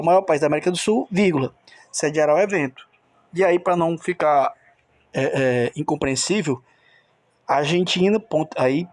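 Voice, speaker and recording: A man's voice: high voice, darkish tone, no echo. A man teaching a recorded grammar lesson, explaining step by step and checking in with the listener.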